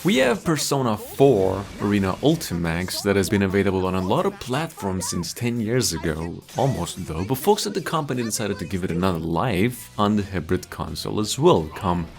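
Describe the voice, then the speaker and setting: Man, lowish lively voice, video game news host, conversational narration, music behind. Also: normal speed, vocal fry, hardly any pauses. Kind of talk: semi-scripted gaming news narration. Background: background music.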